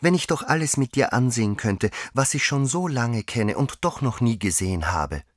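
A gentle, frail young girl who sounds rapt and wistful, her voice lifted well above the reader's own, as a man puts her on in a storybook. It keeps a faint huskiness and an animated rise and fall. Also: medium pitch, normal speed, dry recording, clean studio sound, pitched above the performer's own voice, close to an everyday voice. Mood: longing. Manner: wistful and enraptured.

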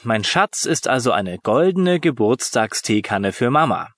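A man's voice: mid-range voice, very animated, a little slow, fairly bright tone, no echo. A sulky young boy from a children's storybook, played by a man, grumbling and muttering his complaints. The voice stays near the reader's own and close and dry.

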